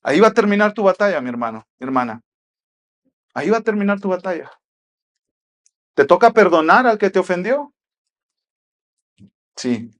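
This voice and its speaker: A male pastor preaching a sermon. He speaks emphatically, repeats rhetorical questions, and swings from loud passages to hushed ones. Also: high voice, very animated, moderate pace, pauses often.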